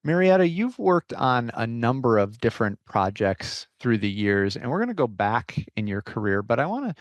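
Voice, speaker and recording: A man's voice: medium pitch, sing-song, moderate pace, dry recording. A man hosting a podcast interview, reading a scripted introduction and asking upbeat questions. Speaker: podcast host.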